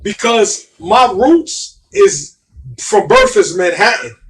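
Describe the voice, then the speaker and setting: Man, middle-aged, New York accent, high voice, emphatic casual talk, faint background noise. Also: huge pitch swings, takes it slowly, far from the mic. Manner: emphatic, repeats himself. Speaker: guest.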